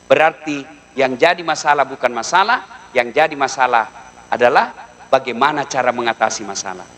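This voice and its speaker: A man preaching a comic sermon in an animated way, now and then dropping low to mimic the people he talks about. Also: fairly quick. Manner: animated, mimics widows and wives in a low voice, sings snatches.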